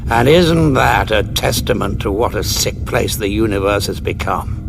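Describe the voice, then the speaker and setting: An actor playing a weary, guilt-ridden warrior with a bitter conscience in an audio drama, grave and brooding. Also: male voice, lowish voice, lively intonation, moderate pace, creaky, noisy background.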